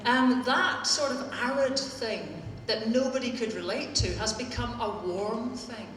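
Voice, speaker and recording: Speaking to a live audience at a political event, a Northern Irish woman delivers a witty, pointed talk in a slightly high, expressive and somewhat bright voice at a slightly slow pace. The theatre hall is echoey, she stands far from the mic, and there's a little background noise.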